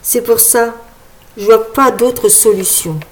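Woman reading stubborn tired old guy, slow plain talk, storybook. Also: on the high side, fairly even intonation. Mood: resigned. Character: old man Maurice, weary, stubborn, tender.

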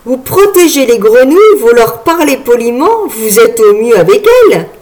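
A woman's voice: a little high, sing-song, normal speed, darkish tone. A woman reading the lines of a mocking young male colonel in a storybook reading. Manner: teasing, laughing.

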